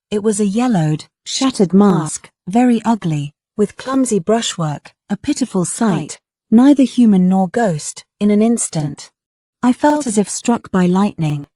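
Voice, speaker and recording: A woman narrating a first-person story in a steady storytelling manner, reading the quoted lines in the same voice. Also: medium pitch, a little slow, no room sound.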